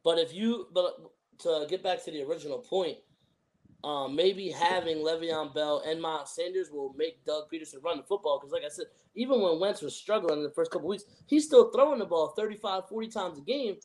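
A man's voice: fairly high pitch, a little fast, darkish tone, rough recording. A young man hosting a sports podcast, giving opinions in emphatic, casual frat-bro slang.

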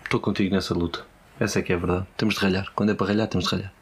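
A man's voice: sits low, level tone, racing, husky. A man with a European Portuguese accent chatting casually and playfully as a podcast co-host, with a teasing manner. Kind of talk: casual comedic chat.

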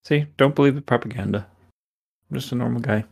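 A man voicing a male Warforged construct, talking in a calm, matter-of-fact way. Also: mid-range voice, quick pace, gravelly, voice pushed up. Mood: earnest.

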